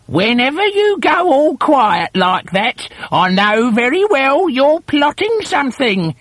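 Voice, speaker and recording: A man's voice: very high-pitched, big pitch swings, takes it slowly, a bit bright, no room sound, pitched above the performer's own voice, full character voice. A man voicing a nasty old wife, a screeching, cackling hag. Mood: suspicious.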